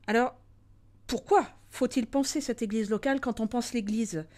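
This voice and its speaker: A woman conducts an interview with steady, composed questions. Her voice sits a little high, and she restates the guest's points before moving on. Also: normal speed. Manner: clear, composed questioning with rephrasing.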